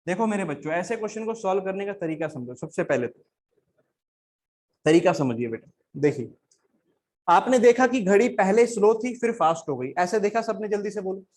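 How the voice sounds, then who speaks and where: In a classroom lesson, a man with a high-pitched, darkish voice coaxes his listeners along and calls them beta. He asks questions about words and answers them himself, repeating both.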